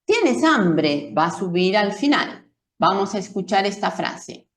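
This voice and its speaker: A woman teaching a pronunciation lesson, explaining slowly and carefully with spoken demonstrations. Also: mid-range voice, steady tone, roomy sound. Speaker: Spanish teacher.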